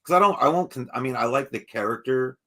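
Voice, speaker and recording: A man's voice: medium pitch, expressive, fast, a bit bright. A man hosting a casual horror podcast, talking in a jokey, rambling, self-mocking way. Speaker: podcast host.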